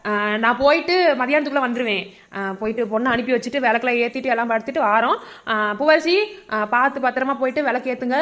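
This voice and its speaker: A bustling village aunt with a Madurai Tamil accent, voiced by a woman in a cartoon. She chatters fast in a high voice. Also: fairly bright tone. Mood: brisk. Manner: brisk, chattering.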